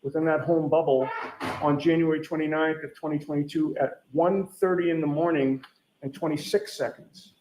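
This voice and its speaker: A man cross-examining a witness as a lawyer in court, putting detailed, deliberate leading questions and pressing for confirmation. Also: a little high, fairly even intonation. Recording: echoey courtroom sound with faint noise.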